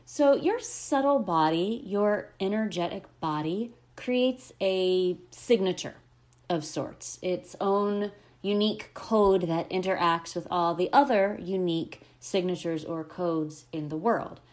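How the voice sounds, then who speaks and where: A woman speaking as a podcast host and holistic coach, explaining spiritual wellness in a gentle, encouraging way. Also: lowish voice, slow pace.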